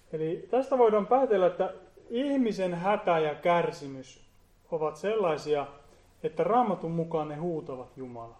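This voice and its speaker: A man giving an earnest Bible teaching, often pausing and repeating words as he explains. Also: a little high, a little mellow, roomy sound. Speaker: preacher.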